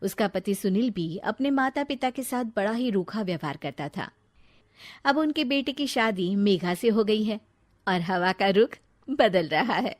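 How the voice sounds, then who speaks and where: A woman's voice: medium pitch, lively intonation, a little slow, no room sound, studio quality. Woman narrating a bedtime story.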